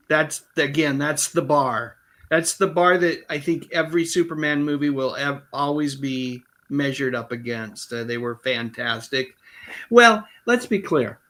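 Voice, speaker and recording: A man's voice: medium pitch, pushed and bright. A man co-hosting a casual panel chat, talking chattily and reading out viewer comments. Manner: chatty, reads out super chats, hesitant restarts. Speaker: podcast co-host.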